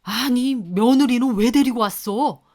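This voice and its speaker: A woman's voice: on the high side, unhurried, darkish tone, close to an everyday voice. A woman voicing a flustered, defensive older father-in-law who scolds his daughter-in-law in a radio story. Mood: scolding.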